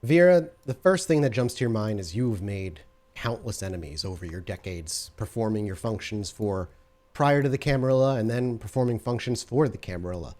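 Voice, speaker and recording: Narrating as the storyteller in a tabletop role-playing game, this man speaks briskly and animatedly in a fairly low, slightly mellow voice. He paints scenes descriptively and responds to players, often breaking off to restart sentences.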